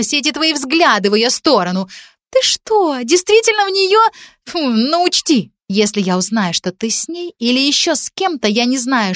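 A woman's voice: a bit bright, no echo, studio quality, heavily acted. A woman voicing a furious, unhinged jealous young woman who hisses threats, in a storybook reading. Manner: shrill, hissing threats.

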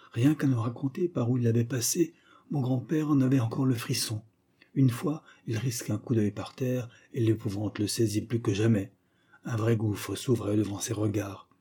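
Male narrator, storybook reading, warm dark tone, breathy edge, animated character voices. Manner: lively, raises pitch and volume for characters' shouts.

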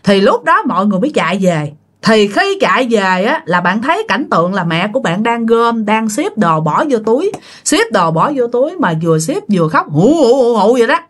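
A woman tells a ghost story in a casual, chatty way, often speaking straight to her listeners. Her voice is fairly high and very animated in pitch. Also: a little fast. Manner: chatty, addresses listeners directly.

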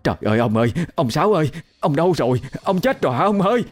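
A man's voice: big pitch swings, very fast. A man voicing a panicked old village wife who wails shrilly, in a Southern Vietnamese accent, within a ghost story narration. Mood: frantic wailing. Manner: shrill wailing cries.

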